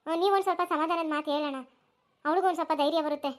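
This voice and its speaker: A fussy village woman fills this cartoon scene, scolding and mothering in a very high, piping voice, as a woman acts her out. She talks in a quick, bustling stream. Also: fairly even intonation, natural voice. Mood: explaining. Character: caring, bossy village woman, elder-sister type. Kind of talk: cartoon voice acting.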